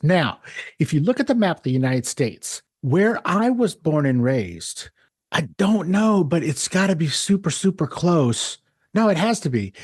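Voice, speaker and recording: A man's voice: fairly high pitch, a little mellow. A middle-aged podcast host from Texas talks in a loose, chatty way. He cuts himself off mid-thought and drops in "dude" and "man" as he goes. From San Antonio, Texas. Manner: chatty, self-interrupting, says "dude" and "man". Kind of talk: casual podcast interview and intro.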